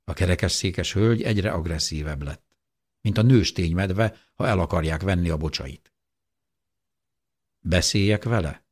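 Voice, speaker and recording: A man narrating an audiobook in a very low, husky voice with a breathy edge. He reads at a steady, measured pace, keeping the narration even and clear. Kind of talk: scripted narration.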